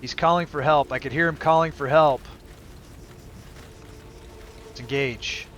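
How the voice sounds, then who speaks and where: Higher-voiced middle-aged man streaming, dull mic. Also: fairly even intonation, unhurried, a bit bright, a little hiss or hum. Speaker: livestream host. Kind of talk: casual game stream chat. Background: game music.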